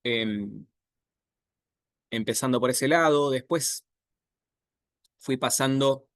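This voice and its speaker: A man in his thirties from Argentina with an Argentine accent, giving a relaxed online presentation over a video call with many filler pauses. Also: mid-range voice, no echo, clean studio sound. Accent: Argentine Spanish. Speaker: guest speaker, software architect.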